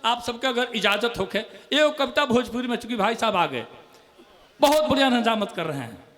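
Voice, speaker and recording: A man with a Bhojpuri accent performing as a comic poet on stage, joking with the crowd and reciting his verses slowly. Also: very high voice, very animated, a bit bright, long reverb tail. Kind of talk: humorous stage poetry recital.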